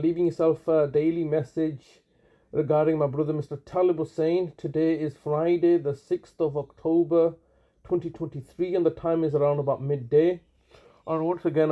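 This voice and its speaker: A man leaving a long voicemail over a phone line, speaking in an insistent, accusing way with many halting restarts. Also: on the high side. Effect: heard over a phone line. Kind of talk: long recorded phone message.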